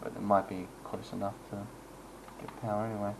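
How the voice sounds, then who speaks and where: Man, lowish voice, casual game commentary, rambling, laughs at himself. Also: little pitch movement, fairly quick, gravelly, a little hiss or hum, poor audio. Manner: rambling, chuckling, self-deprecating asides. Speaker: gaming channel host.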